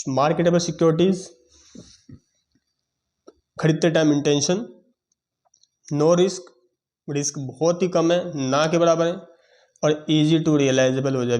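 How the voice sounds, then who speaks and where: A man teaching accounting in a lecture, explaining step by step and checking in with his students. He has a sore throat and often clears it. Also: fairly high pitch, a little mellow. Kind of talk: classroom lecture.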